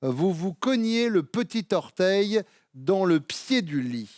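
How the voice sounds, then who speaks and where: A man's voice: high voice, big pitch swings, darkish tone, dry recording. A man hosting a TV game show in a studio, playful and teasing. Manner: playful, teasing, quick to laugh.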